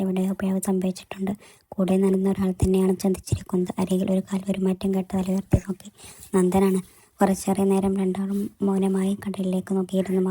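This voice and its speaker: A woman narrating a romantic story in a soft, steady reading voice. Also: mid-range voice, slight background noise.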